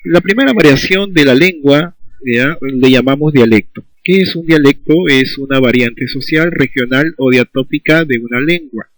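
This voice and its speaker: A man's voice: mid-range voice, normal speed, hardly any pauses, dry recording, rough recording. A man teaching a school language lesson, explaining patiently and often checking in with his students.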